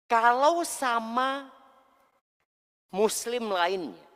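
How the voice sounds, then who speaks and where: A male preacher delivers a sermon with a bright, ringing voice that swings widely up and down in pitch. He talks straight to his listeners and acts out the people he quotes. His voice trails off in the long reverb of a large hall. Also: expressive, extremely slow, clear, resonant tone. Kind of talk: sermon to a congregation.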